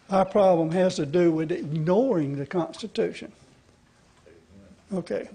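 Speaking at a podium through a gooseneck microphone, this man in his 70s or older is a citizen activist addressing a legislative committee in a big indoor hearing room full of seated people. His high-pitched voice is husky and darkish in tone. He rambles in a folksy way, frequently checking in with those listening.

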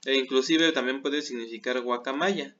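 A man's voice: medium pitch, fairly even intonation, normal speed, a bit bright, lo-fi sound. A man teaching English words in an online class, patiently checking understanding as he goes. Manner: patient, keeps checking with "¿sale?".

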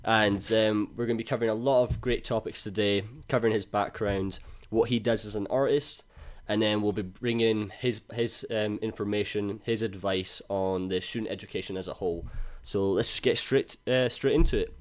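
A man's voice: lowish voice, steady tone, moderate pace, few pauses. A man hosting a podcast, enthusiastic and full of casual fillers. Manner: enthusiastic, many fillers and likes. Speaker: podcast host.

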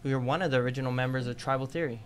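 A man's voice: mid-range voice, fairly even intonation, racing, a little hiss or hum. A man in his thirties hosting a casual podcast, prompting his guest with friendly questions into a studio mic. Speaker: podcast host, tattoo artist. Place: small studio with red curtains. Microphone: studio mic on boom arm, headphones.

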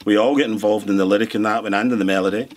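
A man's voice: lowish voice, steady tone, very fast. A middle-aged man, a producer and songwriter, chatting in an interview, rambling with lots of restarts and fillers. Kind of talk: relaxed interview chat.

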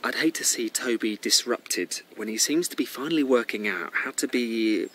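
A man's voice: medium pitch, lively intonation, moderate pace, a bit bright, a little hiss or hum, lightly acted, rough recording. An actor playing a hesitant, stammering older brother who awkwardly warns a woman off. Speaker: Rex, protective older brother. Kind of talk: radio drama acting.

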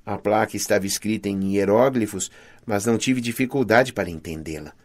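A man with a Brazilian Portuguese accent narrating a first-person fantasy audiobook in a dramatic, expressive reading. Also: fairly low pitch, a little fast.

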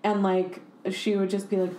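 A young woman podcast host chatting casually, animated and swearing freely, with "like" in nearly every sentence. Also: medium pitch, a little slow, a little hiss or hum. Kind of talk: casual chat. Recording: roomy echo.

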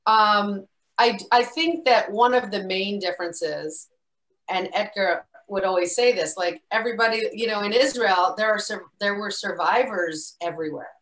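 A woman's voice: mid-range voice, a bit bright, poor audio. Chatty woman filmmaker on a video call. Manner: halting, many restarts and "you know". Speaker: filmmaker guest speaker. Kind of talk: casual Q&A talk.

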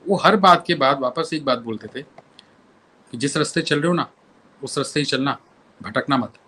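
A man's voice: medium pitch, moderate pace, slightly rough. Middle-aged man telling stories. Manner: animated anecdote-telling, acts out others' lines. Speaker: guest musician. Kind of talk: storytelling in an interview.

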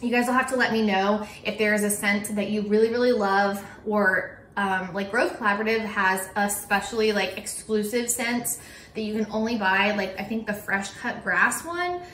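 A woman's voice: medium pitch, moderate pace, fairly bright tone, roomy sound, far from the mic, slight background noise. A young woman talking casually to camera at her kitchen table about her cleaning products, chatty and full of "um" and "like". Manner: chatty, with frequent "um" and "like". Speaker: cleaning vlogger and teacher. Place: kitchen table at home, indoors.

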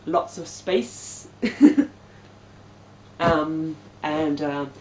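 A woman's voice: low voice, very slow, darkish tone, a little hiss or hum. A young woman from Australia chatting to her camera at home, hesitant and full of ums. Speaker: vlogger. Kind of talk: casual chat to camera. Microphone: camera mic. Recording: echoey room, mic at a distance.

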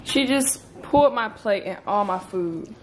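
A woman's voice: medium pitch, animated, a little slow, heavy background noise. A woman, a stay-at-home mom, chatting candidly to camera in her home kitchen with lots of slang and laughter. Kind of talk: casual vlog chat to camera.

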